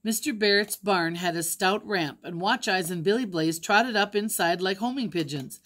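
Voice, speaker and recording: A woman's voice: medium pitch, fairly bright tone. Older woman reading a story aloud. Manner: plain, pauses to explain pictures. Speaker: storybook reader.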